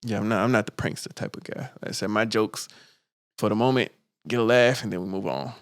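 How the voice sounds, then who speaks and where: A young man co-hosting a casual podcast chat, animated, often jumping into high mocking impressions of people. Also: a little fast, no echo, clean studio sound. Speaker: podcast co-host.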